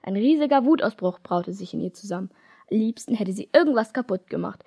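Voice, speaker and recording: A woman from Germany reading aloud a children's story she wrote herself, in a lively storytelling manner. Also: medium pitch, fairly quick, vocal fry, husky. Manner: lively storytelling, switches into character voices. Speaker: author reading her own story.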